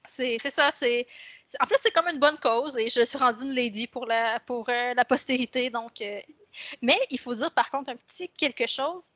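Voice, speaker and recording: A woman's voice: on the high side, moderate pace, bright, forceful tone, dry recording. A woman with a Québécois French accent, an author chatting casually as a podcast guest, rambling and correcting herself as she goes. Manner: rambling, self-correcting, many restarts.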